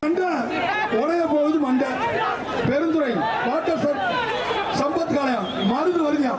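High-pitched man over a loudspeaker. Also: recorded from a distance. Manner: rapid, loud calling of prizes and cheering on tamers. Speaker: bull-taming event announcer. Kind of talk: live event commentary. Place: outdoor arena with a large crowd. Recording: echoey loudspeaker from afar, loud crowd.

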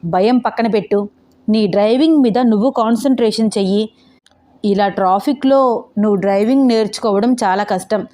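A woman's voice: medium pitch, moderate pace, dark tone, natural voice. A woman voicing a playful, teasing young man who patiently teaches his girlfriend to ride a scooter, read as an audio novel character. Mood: gentle.

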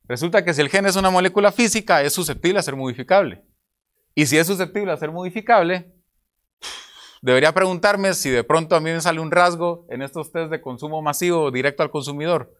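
Speaking fast in a high-leaning, fairly bright voice, this young man from Guatemala addresses an academic conference panel through a table mic. He has a Guatemalan Spanish accent and takes an explanatory approach, throwing in rhetorical questions. Projector slides light the conference room around him.

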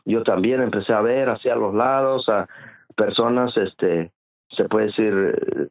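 Gravelly man on a phone line. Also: on the low side. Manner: halting, repeats and restarts words often. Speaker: interview guest. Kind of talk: personal storytelling in an interview.

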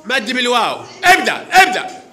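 Male primary teacher, higher pitch, snaps brisk commands at kids in a loud classroom. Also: huge pitch swings. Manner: brisk commanding calls to pupils. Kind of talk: classroom instruction. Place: large classroom. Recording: noisy classroom with clicks.

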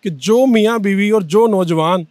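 High-voiced anchor with a handheld mic. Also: male voice, normal speed, darkish tone, no echo, clean studio sound. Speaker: interviewer and anchor. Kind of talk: street interview. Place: busy city street outdoors.

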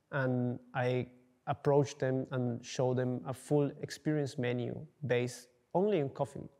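In a dark studio indoors, a young coffee entrepreneur from Peru responds casually to interview questions. His medium-pitched voice has a warm tone, and he searches for words with many fillers.

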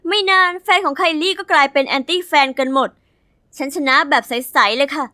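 A young woman narrating her own animated story as its heroine, chatty, dramatic and confiding. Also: sits high, fairly quick, dry recording, studio quality.

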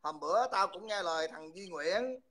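A man's voice: sits high, expressive, moderate pace, a bit bright. A man, hosting a livestream and mockingly insulting someone over and over. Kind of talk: heated livestream taunting.

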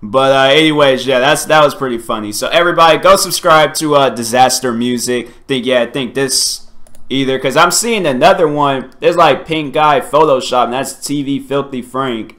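Bright-voiced young man, casually chatting. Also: medium pitch, normal speed. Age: young adult. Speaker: reaction video host. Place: home kitchen or dining area, indoors.

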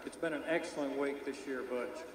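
Male sponsor representative, middle-aged, mid-pitched, businesslike interview remarks over a reverberant arena PA. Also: steady tone, a little fast. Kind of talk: public thank-you remarks in an interview. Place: large indoor arena. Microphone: handheld microphone held out to him. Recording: echoey arena PA, faint noise.

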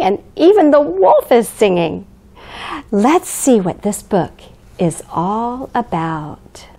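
A woman's voice: sits high, a little mellow, exaggerated voice. A woman playing a cheerful, grandmotherly Mrs. Claus, reading a picture book aloud to young children in an exaggerated, sing-song way. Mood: cheerful, welcoming. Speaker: children's storyteller. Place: living room by a fireplace, indoors.

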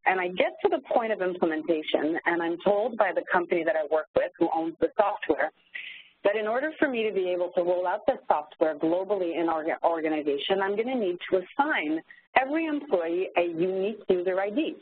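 A woman's voice: fairly low pitch, lively intonation, brisk, breathy edge. A middle-aged woman with a French Canadian accent, presenting a webinar and telling a story conversationally with frequent ums. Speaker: webinar facilitator. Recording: tinny phone-line audio.

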